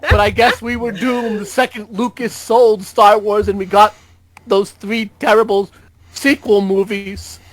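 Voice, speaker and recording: A man with a high voice chatting on a gaming podcast. He jokes in a theatrical, mock-doomed way, and the sound is dry and close. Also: level tone, a little slow, a bit bright, no echo. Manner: dramatic mock-doom humor. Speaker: podcast co-host. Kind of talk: casual gaming podcast chat.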